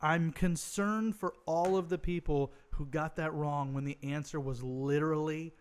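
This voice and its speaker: A man hosts a light trivia segment, joking and chatting loosely. His voice sits a bit high for a man. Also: fairly even intonation, moderate pace, smooth. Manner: laughs often, loose and joking. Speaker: co-host of a church online show. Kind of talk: casual chat, hosting trivia.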